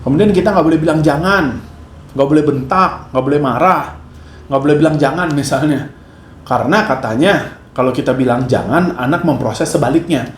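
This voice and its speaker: A man talks casually about parenting in a conversational, joking way, his voice sitting a little high. The room is echoey, with a faint noise underneath. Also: a little fast. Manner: conversational, joking, switches into acted scolding. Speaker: father and parenting commentator. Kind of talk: casual monologue to camera.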